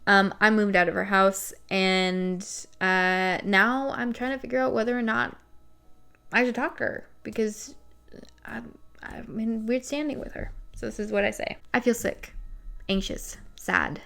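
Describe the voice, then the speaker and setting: A woman's voice: mid-range voice, steady tone, a little slow, gravelly, fairly bright tone. A woman in her twenties talking casually and confessionally to camera, candid and self-deprecating, as she shares and comments on personal writing. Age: 20s. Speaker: vlogger. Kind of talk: casual confessional talk to camera, reading and commenting on an old journal. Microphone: recorded at home with a ring light set up.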